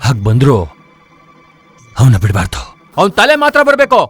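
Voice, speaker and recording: A man's voice: medium pitch, wildly swooping pitch, a little fast, fairly bright tone, husky, faint music behind, full character voice. An actor playing a stern, hot-tempered young village man who speaks firmly and with menace. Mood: threatening. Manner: firm, threatening. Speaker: hero engaged to his cousin. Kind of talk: Kannada film dub.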